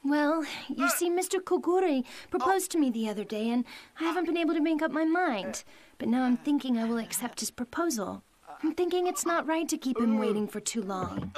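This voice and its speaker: An actress voicing a gentle, naive young woman in an animated series, earnest and soft-spoken. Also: high-pitched, fairly quick. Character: sweet naive young woman, noodle shop daughter. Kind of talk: anime dub acting.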